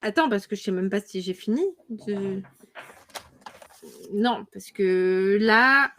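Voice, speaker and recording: A woman co-hosting a casual podcast chat, giggly and quick, often breaking off mid-sentence. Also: mid-range voice, a bit bright, slight background noise. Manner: giggly, quick, easily distracted. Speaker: podcast co-host.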